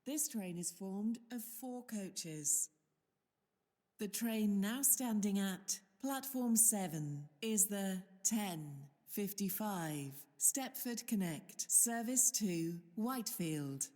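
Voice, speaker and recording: A woman giving recorded platform announcements over a station loudspeaker, in a measured, even delivery. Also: medium pitch. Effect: platform loudspeaker train announcement. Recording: long hall reverb, faint noise.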